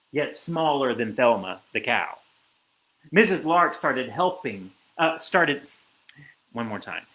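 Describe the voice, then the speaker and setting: Lively, unhurried man reading a storybook. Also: a little high, reverberant, rough recording. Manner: animated, lively storytelling with asides. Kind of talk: reading a picture book aloud.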